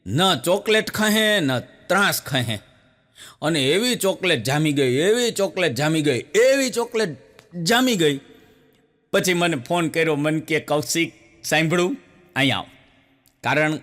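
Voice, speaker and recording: A man with a Gujarati accent telling folksy comic stories as a stand-up comedian, animated, jumping up to a higher pitch when he voices the women in his jokes.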